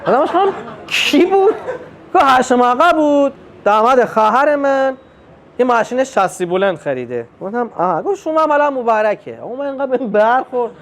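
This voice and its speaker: High-voiced man doing lively stand-up. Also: a little hiss or hum. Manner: animated storytelling, acting out family dialogue. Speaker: stand-up comedian. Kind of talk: stand-up comedy routine. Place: comedy club stage with live audience.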